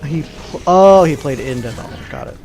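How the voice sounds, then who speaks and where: A man's voice: a little high, animated, moderate pace, a little mellow, soft background music. A young man streaming a game, chatting casually and joking with playful wordplay. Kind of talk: casual gaming chat.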